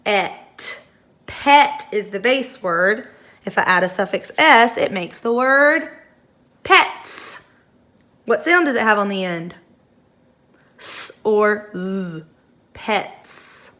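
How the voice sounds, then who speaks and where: Slow, bright-voiced woman teaching phonics. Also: mid-range voice, lively intonation. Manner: slow, clearly sounding out letters and words; encouraging praise. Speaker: first grade teacher. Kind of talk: phonics lesson for young children.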